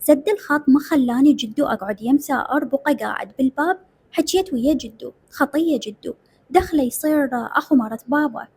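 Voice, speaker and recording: A woman's voice: sits high, a little fast, darkish tone. A woman with an Iraqi accent narrating a dramatic story in the first person, emotional and tearful. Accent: Iraqi Arabic.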